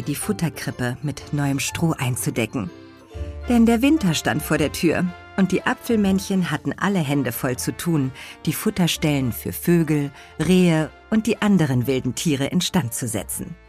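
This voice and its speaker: A woman reading a children's audiobook as narrator, lively storytelling. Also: deep voice, moderate pace, faint music behind. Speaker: audiobook reader.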